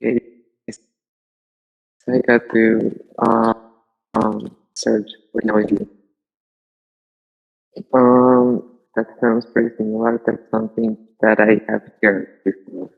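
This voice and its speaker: A man playing a tabletop game over an online call, talking slowly and hesitantly with many fillers while his audio comes through garbled and breaking up. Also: lowish voice, level tone, gravelly, highs cut off, soft background music.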